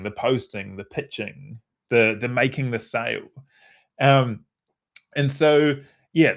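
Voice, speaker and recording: A man coaching a live online workshop while seated at his desk. He speaks in a relaxed, conversational way and slips into quoted inner voices as he explains. His pitch sits in an ordinary middle range. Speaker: performance coach.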